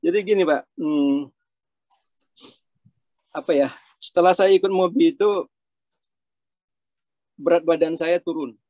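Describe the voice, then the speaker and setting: Over a lo-fi video call that's dry and dull with no echo, a man from Surabaya gives a candid, chatty testimonial about a program he took part in. His voice is on the high side and mellow, unhurried and often pausing, his manner self-deprecating.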